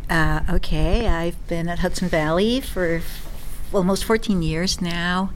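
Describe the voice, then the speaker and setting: A woman from Mexico, a college language professor, answering interview questions in a measured way with frequent hesitations. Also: on the low side, fairly even intonation, a little hiss or hum. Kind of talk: radio interview guest.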